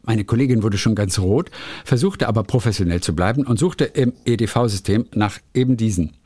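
A man's voice: lowish voice, a little fast, husky, dry recording. A man co-hosting a podcast, casually chatting and reading listener letters aloud with playful emphasis and frequent laughs. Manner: lively, laughs often, reads with playful emphasis.

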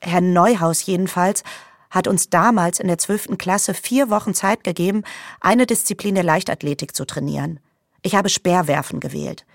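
A woman's voice: on the low side, dry recording, studio quality. A woman playing an indignant, wounded narrator in a scripted radio essay, given to rants that build from reflection to outrage. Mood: wistful, earnest. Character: indignant grown woman still wounded by school sports. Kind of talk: scripted first-person radio essay with dramatic dialogue.

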